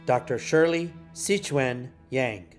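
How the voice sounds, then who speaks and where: Man reading names over music. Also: mid-range voice. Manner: measured, announces each name. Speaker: ceremony name reader. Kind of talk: formal roll call of graduates. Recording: music playing underneath.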